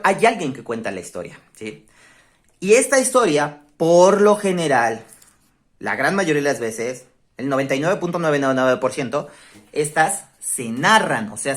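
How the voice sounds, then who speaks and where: A Mexican woman teacher speaks in a low register, yet her pitch leaps and dips with constant animation. She explains step by step and keeps checking that the class is with her. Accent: Mexican Spanish. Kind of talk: online class lesson on grammar.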